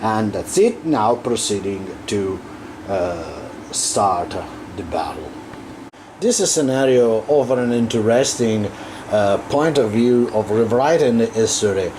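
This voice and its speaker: Slow, halting man, non-native English speaker. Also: on the low side. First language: not English. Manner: halting, hesitant delivery with frequent pauses. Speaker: host of a wargaming channel. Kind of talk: unscripted battle report narration. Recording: clear steady background room noise.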